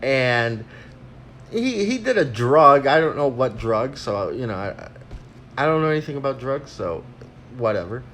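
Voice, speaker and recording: A man's voice: medium pitch, big pitch swings, unhurried, fairly bright tone, a little hiss or hum. A man ranting crudely and rambling with lots of fillers in a casual livestream, talking into a phone while eating. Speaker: vlogger.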